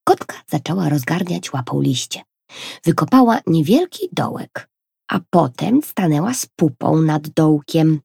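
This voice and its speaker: A woman reading a children's story aloud in an expressive, gentle way. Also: deep voice, a little slow, vocal fry, slightly rough, no echo, clean studio sound.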